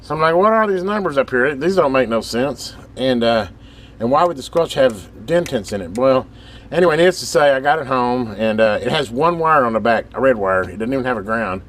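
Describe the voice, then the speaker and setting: Animated and brisk, this man hosts a hobby video, giving a rambling, folksy and enthusiastic unscripted show-and-tell of a vintage radio. His mid-range voice has a fairly bright tone, and the recording carries radio static, background noise and CB radio hiss and chatter.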